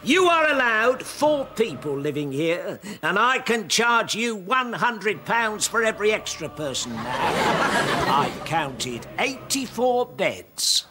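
High-voiced grasping landlord. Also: male voice, big pitch swings, slow, over a noisy crowd, exaggerated voice. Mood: gloating. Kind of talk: broad children's TV sitcom acting. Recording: loud studio audience, noisy background.

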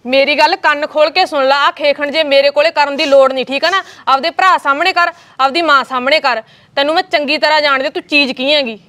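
A woman playing a fast, sarcastic sister-in-law. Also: sits high, steady tone, sharp tone. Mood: scolding. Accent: Punjabi. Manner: scolding, sarcastic. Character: sharp-tongued sister-in-law defending her home. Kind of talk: Punjabi web-series acting.

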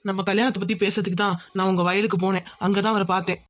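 A woman's voice: medium pitch, flat delivery, very fast, close to an everyday voice. A woman voicing a young village groom in a cartoon, soothing but firm and insistent. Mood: guarded. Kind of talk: cartoon voice acting.

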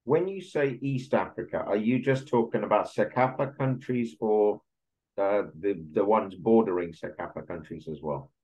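A man's voice: fairly low pitch, moderate pace, a little mellow, slightly rough. A man interviewing a football coach on a video call, asking careful, probing questions. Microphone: video call laptop mic. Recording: dull lo-fi video call audio.

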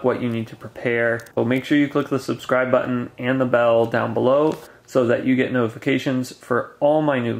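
A man casually explaining how to make camp coffee, talking step by step at a picnic table in a forest. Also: medium pitch. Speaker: camping gear reviewer.

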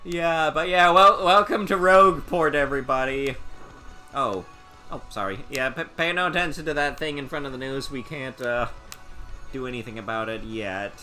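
A man's voice: medium pitch, normal speed, bright, forceful tone, faint music behind. A man casually commenting while streaming a game, rambling with lots of restarts. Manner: rambling, many fillers and restarts. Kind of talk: casual let's-play commentary.

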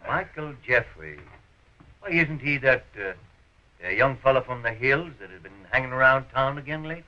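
A man acting a protective, old-fashioned Southern father, formal and deliberate in a stagey 1920s film manner. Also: mid-range voice, animated, lightly acted. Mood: disapproving. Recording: dull, tinny 1920s film soundtrack.

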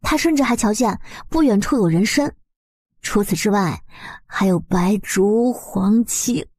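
A woman's voice: mid-range voice, animated, slow pace, darkish tone, breathy edge, no echo, clean studio sound. A woman narrating a webnovel story expressively, in a colloquial, dramatizing storyteller's manner.

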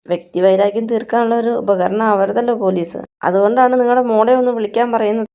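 Steady no-nonsense cop guy, woman reading his lines, kinda muffled sound. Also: medium pitch, fast, close to an everyday voice. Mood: firm. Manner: firm and explaining. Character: firm, reasonable male police officer.

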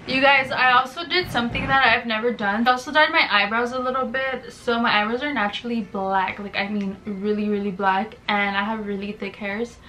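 A woman's voice: mid-range voice, pushed and bright, slight background noise, poor audio. A young woman in her twenties from Texas, chatting frankly to camera in her bedroom with lots of fillers and some swearing. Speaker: beauty vlogger. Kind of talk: casual vlog chat. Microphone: camera on a tripod.

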